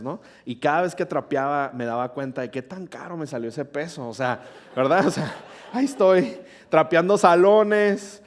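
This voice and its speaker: A middle-aged man with a Mexican accent preaching a sermon in a church, telling a personal story in a chatty, animated way and often asking the congregation questions. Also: medium pitch. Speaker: pastor. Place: church hall.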